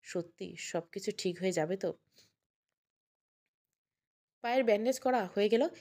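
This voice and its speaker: A woman storyteller narrating an emotional family story in a steady voice. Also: medium pitch, normal speed.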